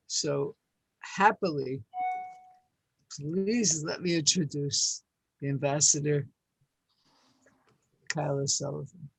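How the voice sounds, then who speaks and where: Woman host, slow halting introductions, dry close mic on a video call. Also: deep voice, fairly even intonation, vocal fry, breathy edge, no echo, poor audio. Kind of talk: hosting a literary event on a video call.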